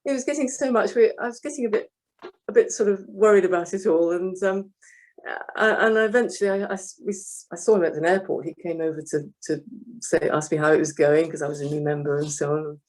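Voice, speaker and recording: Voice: mid-range voice, steady tone, fairly quick, darkish tone. An older orchestral flutist telling stories in an interview, hesitant and self-effacing, chuckling often, on a video call. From Britain. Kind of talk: anecdotal interview storytelling.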